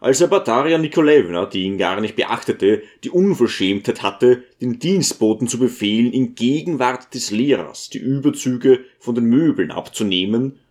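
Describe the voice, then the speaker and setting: A man reading a novel aloud as an audiobook, with expressive storytelling. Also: mid-range voice, moderate pace, hardly any pauses. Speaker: audiobook reader. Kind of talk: scripted audiobook narration.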